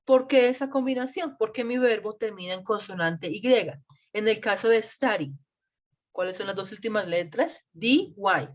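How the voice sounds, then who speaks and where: A woman's voice: mid-range voice, moderate pace. A woman teaching an online class through a computer mic. She talks patiently, spelling out letters and repeating examples for her students. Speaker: English teacher.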